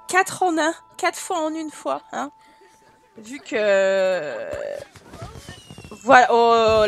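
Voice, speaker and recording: High-voiced woman chatting over gameplay. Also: fairly bright tone. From France. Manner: chatty, exasperated, teasing her characters. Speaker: game streamer. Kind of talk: casual gameplay commentary.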